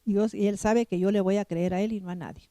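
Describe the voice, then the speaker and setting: A woman preacher delivers a sermon in a deep, mellow, very warm tone. She is emphatic, repeats her phrases and keeps turning to the congregation with direct questions. The sound is close and dry, with no room echo. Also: fairly even intonation, fast talker. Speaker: pastor.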